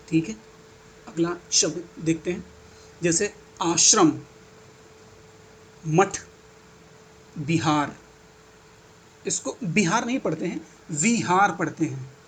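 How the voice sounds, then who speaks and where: A man's voice: fairly high pitch, slight background noise. A young adult male teacher giving an exam-prep lesson, reading out word lists with enthusiastic, chatty asides. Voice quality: enthusiastic, chatty asides between listed words.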